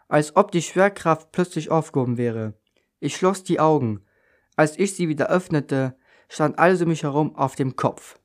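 A man reading a children's story on the radio, narrating in the first person. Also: on the high side.

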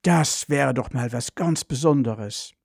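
A man doing a gentle dreamy mom. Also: medium pitch, slow pace, gravelly, husky, no echo, studio quality, full character voice. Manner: soothing, then excited.

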